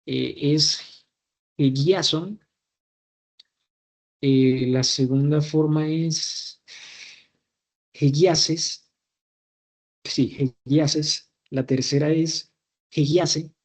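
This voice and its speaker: A young man works through verb conjugation exercises for a class, one form at a time. He speaks at a very unhurried pace, filling gaps with hesitant "eh"s. Now and then he stops to correct a form he has just said. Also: fairly high pitch, little pitch movement, a little mellow. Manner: slow and careful, pausing with fillers and correcting himself. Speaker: university student.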